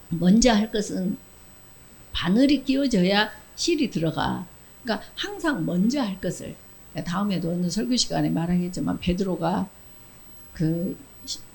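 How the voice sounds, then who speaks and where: A woman giving a Sunday school sermon to children in a church, lively, asking questions and answering them herself, acting out quoted lines. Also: medium pitch, low-quality recording. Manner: acts out short quoted lines in character voices.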